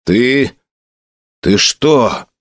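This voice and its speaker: A man's voice: on the low side, sing-song, normal speed, no room sound. Man reading an indignant young officer, dry close voice, reproachful. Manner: outraged, reproachful.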